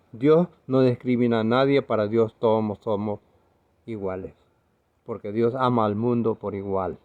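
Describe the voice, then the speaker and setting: A man's voice: mid-range voice, darkish tone. Earnest preaching man, lo-fi audio. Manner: earnest, emphatic preaching with slips and self-corrections. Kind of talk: video sermon.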